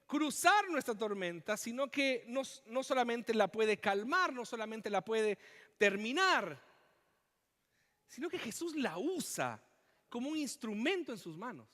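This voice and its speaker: A man's voice: very high-pitched, pushed and bright, big-room sound. A male pastor from Chile delivering a sermon in an impassioned, emphatic way, repeating phrases for emphasis. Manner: impassioned, emphatic preaching with repetitions. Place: church.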